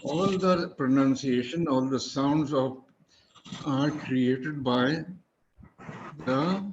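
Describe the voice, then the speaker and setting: Man, English tutor, slow and patient, spells words letter by letter, dull lo-fi call audio. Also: medium pitch, a little hiss or hum. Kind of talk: one-on-one pronunciation lesson.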